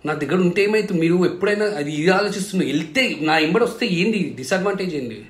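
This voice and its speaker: A man's voice: high-pitched, animated, quick pace. A man, a family vlogger answering viewers' comments in an impassioned, defensive way, full of rhetorical questions.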